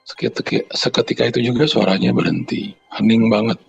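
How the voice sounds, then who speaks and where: The sound is lo-fi, with faint music behind a man whose voice is on the low side, gravelly and husky, and whose pace is quick. As a podcast co-host he chats in slang, then reads a listener's horror story aloud at a steady clip, adding sound effects for the noises.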